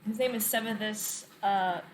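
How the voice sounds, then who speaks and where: A woman's voice: medium pitch, steady tone, moderate pace. A woman acting as game master in casual, giggly tabletop banter, swearing freely as she narrates. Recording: echoey room with background noise.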